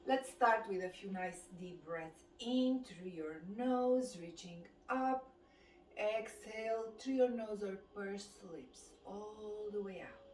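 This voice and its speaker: A fitness instructor with a Romanian accent guides a qigong class, offering slow, calm cues timed to the breath. Her middle-pitched voice is somewhat off-mic and echoes around the room, with a faint ambient hum underneath.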